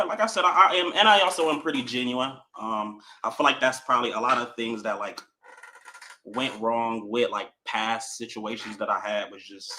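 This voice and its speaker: A man in his twenties, calling into a dating stream, talking softly and trailing off with lots of fillers. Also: mid-range voice, a little hiss or hum. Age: 20s. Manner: trailing off, soft, hesitant. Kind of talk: casual chat.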